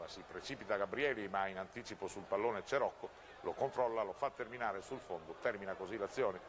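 A man giving live television football commentary, describing the play as it runs and adding reflective asides. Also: lowish voice. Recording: noisy old TV broadcast audio. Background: outdoor stadium ambience.

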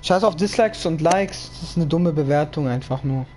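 A young man hosts a game stream and chats casually with friends, using slangy, sweary language. His voice is on the high side at a moderate pace, with game music playing behind him.

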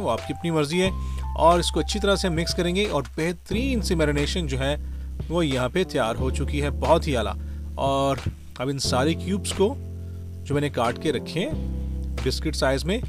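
A man, a chef hosting his own cooking show, talks viewers through a recipe step by step in a friendly voice-over. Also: a little high. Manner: friendly, step-by-step, keeps saying "perfect". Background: guitar music.

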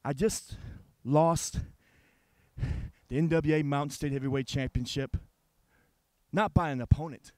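A man cutting an intense wrestling promo, dropping to low whispers and rising to shouts. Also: fairly even intonation, a little slow, long pauses, no echo. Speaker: pro wrestler.

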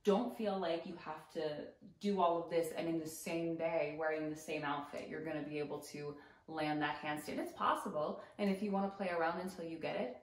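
A woman yoga instructor giving casual, explanatory commentary with gentle cautions. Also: sits low, steady tone, fairly quick, reverberant, poor audio. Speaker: yoga instructor reacting to videos.

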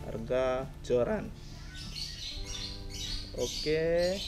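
Young guy slowly going over a fishing rod outside, plain explaining, camera right in front, bit of music under it. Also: medium pitch, lively intonation. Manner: plain explaining, counts and points things out. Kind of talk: casual product review. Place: outdoors by a roadside with plants.

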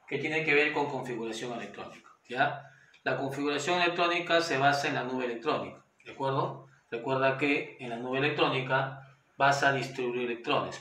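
Standing at a whiteboard in a small, echoey room, a man from Peru gives a chemistry lesson, addressing students directly and posing their questions aloud on their behalf. His voice is medium-pitched and sharp, turning slow and sing-song as he dictates orbitals. There's slight background noise.

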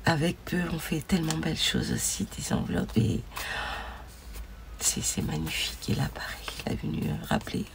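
A woman vlogger opening crafted mail, gushing over each piece and often dropping to a soft whisper. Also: low-pitched, huge pitch swings, moderate pace, vocal fry, a little hiss or hum. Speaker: scrapbooking vlogger. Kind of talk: casual mail-opening vlog.

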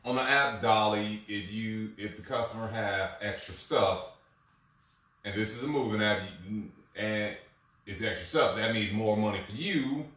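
A man's voice: lowish voice, fairly bright tone. A man streaming a casual chat, rambling through a work story and acting out what people said. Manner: rambling storytelling, acts out quotes. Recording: echoey room, far from mic.

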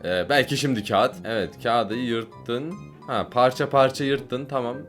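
A young man hosting a reaction video, excitable and slangy, laughing and exclaiming often as he comments. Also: medium pitch, measured pace, soft background music.

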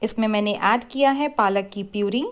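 A woman's voice: medium pitch, a little fast. Woman narrating a cooking recipe. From India. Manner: clear step-by-step instructions. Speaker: cooking channel host. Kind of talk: scripted recipe voice-over.

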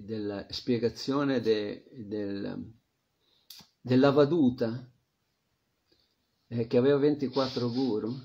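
A man teaching a devotional scripture class, reflective, often trailing off into a soft murmur. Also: medium pitch. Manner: reflective, drops to a soft murmur at phrase ends. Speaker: spiritual teacher. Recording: dull lo-fi recording.

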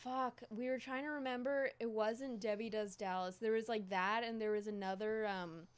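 A young woman co-hosting a casual podcast chat, laughing often and jumping into high voices when she quotes people. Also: steady tone, moderate pace, clean tone. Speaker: podcast co-host.

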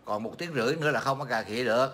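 Bright-voiced man on a rambling livestream. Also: mid-range voice, rapid-fire. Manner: rambling, mocking, many fillers and repeats. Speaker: livestream host. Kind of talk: casual livestream chat.

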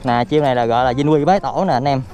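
A young man with a Southern Vietnamese accent films himself riding outdoors for his vlog, cheering, joking and laughing often in a rapid-fire, mid-range voice. Loud music plays behind him, and the noisy outdoor audio comes from a handheld phone camera.

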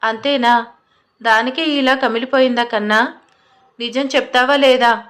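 A woman's voice: fairly high pitch, fairly even intonation, unhurried, fairly bright tone. A woman voicing a prying, worried mother. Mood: suspicious. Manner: anxious, pressing questions. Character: worried suspicious middle-aged mother.

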